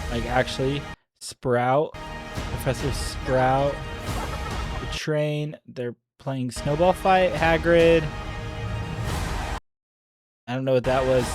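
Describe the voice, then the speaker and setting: Man, casual reaction commentary, chatty and excitable, middle-pitched voice, faint music underneath. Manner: chatty and excitable, frequent ums. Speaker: online video creator.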